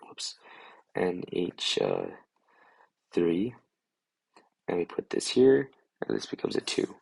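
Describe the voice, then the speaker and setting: A hoarse young man explains chemistry in a loose, rambling way, leaning on "like" and "um" as he works things out. His voice sits very low with a gravelly, husky edge. The sound is dry and close. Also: wildly swooping pitch, takes it slowly, darkish tone, no room sound, low-quality recording. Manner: rambling, full of "like" and "um", thinking aloud. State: hoarse from a lost voice. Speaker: student tutor. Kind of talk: casual chemistry review over a drawing screen.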